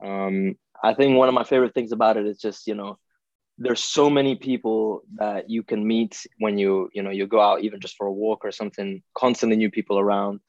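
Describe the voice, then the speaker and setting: A man's voice: fairly low pitch, steady tone, brisk, a little mellow, no echo, muffled recording. A young man from India, raised in Italy, talking as a podcast guest and explaining things with everyday examples and many "you know"s. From born in India, grew up in Italy. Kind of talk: conversational explanation.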